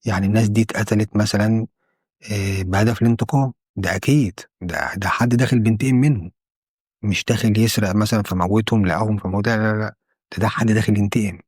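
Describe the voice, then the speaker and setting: A man's voice: on the low side, fairly even intonation, fast, darkish tone, slightly rough, no echo, studio quality. A man with an Egyptian Arabic accent telling a true crime story in a conversational way, often repeating and restarting his phrases.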